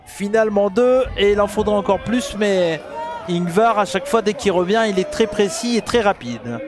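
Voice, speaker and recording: High-voiced Frenchman as excited wrestling commentator. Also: moderate pace. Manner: exclamatory, calling moves as they happen. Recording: loud event with music and crowd behind. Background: crowd and music.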